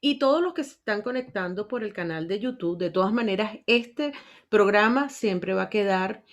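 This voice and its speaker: A woman's voice: medium pitch, lively intonation, normal speed. Woman host, online panel, casual filler-heavy chat, video-call sound. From Venezuela. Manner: warm, chatty, frequent "este" fillers.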